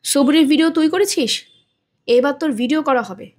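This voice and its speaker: A woman's voice: high-pitched, moderate pace, darkish tone, natural voice. A woman voicing a brutal bodybuilder thug in a storybook reading, coarse and threatening. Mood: menacing. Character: menacing bodybuilder thug, adult man, brutal.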